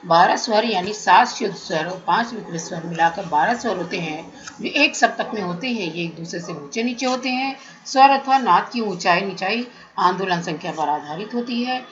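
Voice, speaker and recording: Woman teaching music theory, slightly muffled. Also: medium pitch. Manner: measured, explanatory, defines terms step by step. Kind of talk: classroom lecture.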